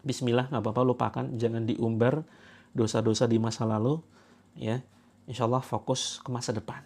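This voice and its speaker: A man's voice: mid-range voice, little pitch movement, a little fast. Man leading a healing session. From Java, Indonesia. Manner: instructive and joking, with sudden loud commands. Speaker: spiritual healing coach.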